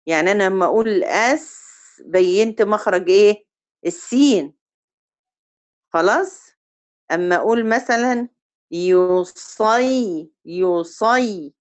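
A woman with an Egyptian Arabic accent and a mid-range voice leads a recitation review lesson. She quizzes her students and slowly stretches out example words to demonstrate them.

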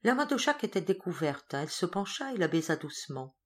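A woman reading a classic novel aloud as an audiobook, in a measured storytelling way. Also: lowish voice, sing-song. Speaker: audiobook reader. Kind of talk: scripted narration.

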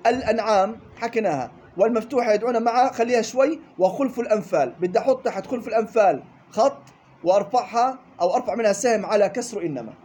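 A man teaches a classroom lesson in a fairly high voice that still sounds mellow and soft-edged. He explains each point briskly and repeats the important parts. A faint noise sits under his voice. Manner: explanatory, repeats key points, checks with students. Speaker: tajweed teacher.

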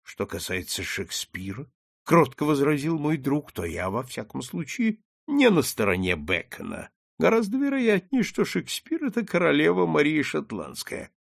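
A man voicing an eccentric retired gentleman who speaks in a measured, mildly ironic way. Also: a little high, wildly swooping pitch, vocal fry, voice pushed up, full character voice.

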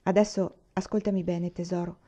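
A woman voicing a kind grown woman who speaks softly and tenderly to a child in an audiobook. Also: on the low side, flat delivery, fairly quick, highs cut off, close to an everyday voice. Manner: soft, tender, reassuring.

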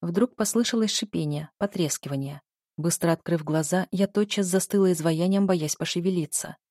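A woman narrates a first-person story at a measured, even pace. Her voice sits low and mellow with a soft, dark color. It's recorded close and dry, with no room sound. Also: no room sound. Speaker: audiobook narrator.

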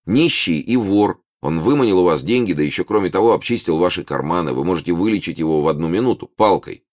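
Audiobook role: a haughty boy king, as a male narrator puts him on, curt and lively. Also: low voice, fast talker, dry recording, studio quality, pitched above the performer's own voice. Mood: indignant. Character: proud young prince in rags, impatient.

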